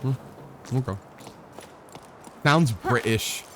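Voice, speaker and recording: A man's voice: medium pitch, extremely slow, fairly bright tone, a little hiss or hum. A young man live-streaming a game, chatting casually in a rambling way, swearing freely, with wry asides to his viewers.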